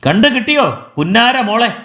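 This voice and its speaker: A man's voice: extremely high pitch, very animated, moderate pace, pitched above the performer's own voice, heavily acted. A man voicing a furious, scornful man who harshly berates a young woman in an audiobook. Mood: mocking. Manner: harsh, shouting, contemptuous. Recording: echoey room.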